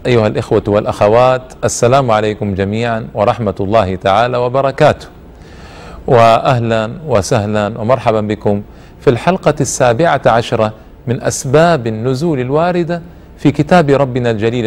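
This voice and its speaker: A man lecturing as host of a religious series, telling stories in a formal, emphatic classical delivery. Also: mid-range voice. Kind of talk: religious lesson with recitation and storytelling.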